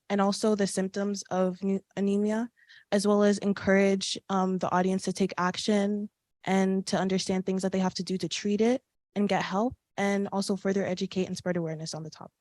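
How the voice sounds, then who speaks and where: A woman's voice: mid-range voice, level tone, brisk, darkish tone, no echo. A teenage girl from New York presenting in a student group, hesitant with fillers. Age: teens.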